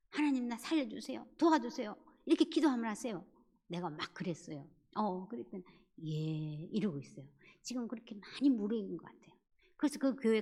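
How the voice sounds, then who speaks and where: A middle-aged woman giving an evangelism talk at a church, telling stories and acting out the dialogue and prayers. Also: medium pitch. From Korea. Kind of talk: testimony-style evangelism talk. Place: church sanctuary. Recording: church hall with long reverb.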